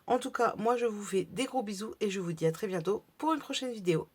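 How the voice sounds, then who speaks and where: A woman's voice: medium pitch, animated, brisk, slightly rough. Chatty French woman showing craft buys. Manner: chatty, hesitant with many fillers. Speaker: crafting vlogger. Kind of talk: casual haul video.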